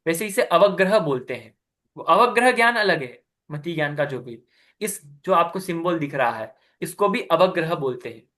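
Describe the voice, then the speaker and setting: A man's voice: a little high, animated, normal speed, fairly bright tone. A man teaching a class, patiently explaining step by step, asking his students questions and praising their answers. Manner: explains step by step, repeating key terms. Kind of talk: online class explaining scripture recitation.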